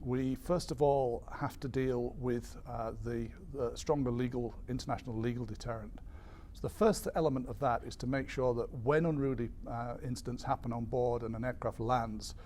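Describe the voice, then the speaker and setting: A man giving an explanatory briefing as an industry spokesperson, measured but hesitant, with frequent ums and repeated words. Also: medium pitch, darkish tone, a little hiss or hum. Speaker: airline industry association spokesperson.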